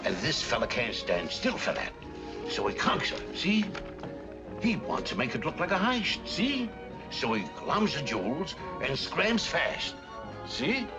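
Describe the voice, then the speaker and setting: A man's voice: fairly high pitch, wildly swooping pitch, unhurried, muffled recording, heavily acted. An actor playing a streetwise 1940s man who talks in tough slang like a noir detective story. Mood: cocky theorizing. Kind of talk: 1940s film noir acting. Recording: old film soundtrack with music.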